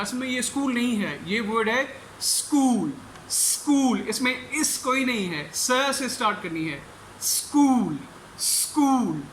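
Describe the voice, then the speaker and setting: Slow, bright-voiced man drilling pronunciation. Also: high-pitched, reverberant, a little hiss or hum, poor audio. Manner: repeats each word slowly to demonstrate it; switches between Urdu explanation and English examples. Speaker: English pronunciation teacher. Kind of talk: pronunciation lecture.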